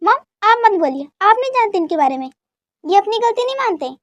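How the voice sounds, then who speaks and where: A woman's voice: very high-pitched, big pitch swings, fairly quick, dry recording, lo-fi sound. A woman voicing a feisty young woman in a fan dub drama who argues indignantly. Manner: indignant, argumentative.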